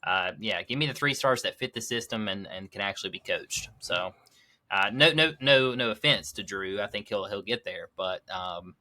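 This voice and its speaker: A young man, co-hosting a sports podcast in a casual, animated way, reading names with mock drama. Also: lowish voice, normal speed. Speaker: podcast co-host.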